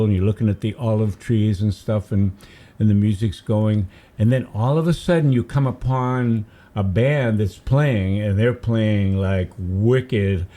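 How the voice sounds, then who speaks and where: Warm and on the low side, the voice belongs to an older Massachusetts man guest-hosting a radio show, chatting loosely in the studio, rambling eagerly through stories and humming tunes.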